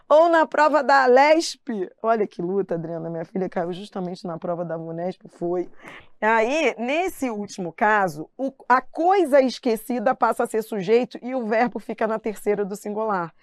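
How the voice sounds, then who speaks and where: A middle-aged woman with a Brazilian Portuguese accent teaching a live online grammar lesson, chatty and lively, playfully mimicking her students. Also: medium pitch, dry recording, studio quality.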